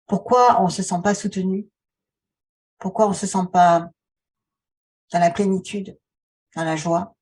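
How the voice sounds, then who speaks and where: Dark-voiced, slightly husky woman vlogger. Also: lowish voice, steady tone, far from the mic. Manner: conversational, halting, posing rhetorical questions. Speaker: video channel host, author and relaxation therapist. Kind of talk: casual vlog talk addressed to the viewer.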